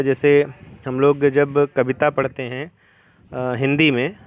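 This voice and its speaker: A male teacher giving a classroom lesson. He reads English definitions slowly, then patiently explains them again in Hindi. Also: a little high.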